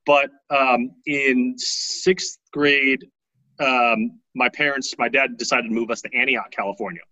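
A man's voice: medium pitch, steady tone, unhurried, bright, forceful tone, dry recording, low-quality recording. A man in his thirties from Taiwan, telling his life story casually as an interview guest, often tagging his lines with "right?".

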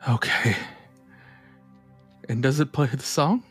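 A man's voice: mid-range voice, lively intonation, slow pace, slightly rough, soft background music, exaggerated voice. A man voicing Harry, a nervous, polite male servant who stumbles over his words. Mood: flustered. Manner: hesitant, fumbling with fillers.

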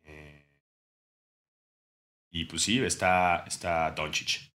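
A young Mexican man co-hosting a casual podcast chat, joking and now and then breaking into mock shouting. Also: low voice, steady tone, very slow. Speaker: podcast co-host.

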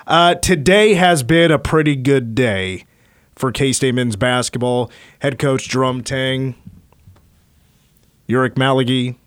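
A man's voice: mid-range voice, slow, clear, resonant tone, no room sound. A man hosting a sports radio show, chatting casually and upbeat about college basketball recruiting from a studio. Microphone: studio microphone.

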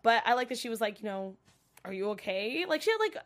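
A woman getting over a cold chats on a livestream, rambling with lots of fillers. Her voice sits a little high. She wanders between thoughts in a loose, casual way. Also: sing-song, rapid-fire. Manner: chatty, rambling, filler-heavy. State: recovering from a cold, coughing. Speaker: livestream show recap host. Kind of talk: casual chat reacting to viewer comments.

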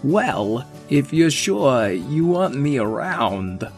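A storyteller voicing a shy, downbeat male snow alien who speaks slowly. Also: mid-range voice, very animated, a little mellow, soft background music.

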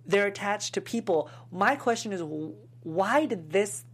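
A woman's voice: medium pitch, lively intonation, measured pace, slightly rough. A woman co-hosting a podcast, chatting casually and leading the discussion with questions. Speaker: podcast co-host. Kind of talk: casual chat.

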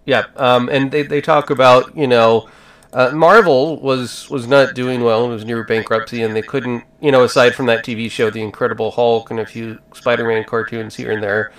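Male podcast host, mid-pitched with vocal fry, casual and halting. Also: fairly even intonation, fairly bright tone. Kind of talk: casual film discussion.

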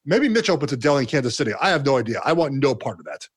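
A man's voice: mid-range voice, sing-song, racing, slightly rough. A man talking as a guest in a casual chat, hesitant and restarting often. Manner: hesitant, many fillers and restarts.

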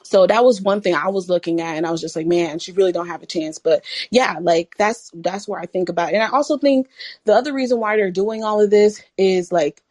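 A woman calls in with a mid-pitched voice and a dry sound. She gives her opinions in a casual, rambling way, thinking aloud as she goes. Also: fairly quick, darkish tone, no room sound. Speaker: caller.

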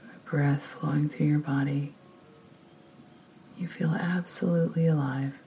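A woman leading a guided meditation in a soft, often whispered, slow and soothing voice. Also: deep voice, fairly even intonation, a little hiss or hum.

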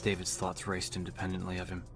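A man reading a novel aloud as an audiobook narrator, telling the story in a steady, even way. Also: sits low, fast talker. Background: music.

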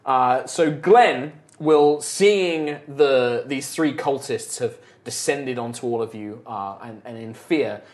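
A man narrating a tabletop game as game master, improvising animated descriptions with spoken sound effects. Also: mid-range voice, takes it slowly, few pauses.

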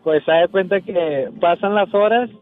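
A man's voice: high voice, normal speed, soft background music. A young man from Monterrey, calling in to tell a story, hesitant with many fillers. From Monterrey, Mexico. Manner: hesitant, fillers, acts out quoted lines. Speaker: caller. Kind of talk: telling a story on a call-in show. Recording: tinny phone line.

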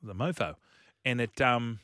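A man's voice: medium pitch, a little slow, pushed and bright, no echo, clean studio sound. A man with a broad Australian accent doing casual radio banter as a co-host, teasing and slangy in a blokey way.

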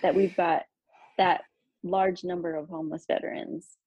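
A woman's voice: lowish voice, level tone, moderate pace, breathy edge, dry recording, highs cut off. A woman military veteran, a guest in an interview, speaking bluntly and candidly with dry sarcasm. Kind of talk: conversational interview.

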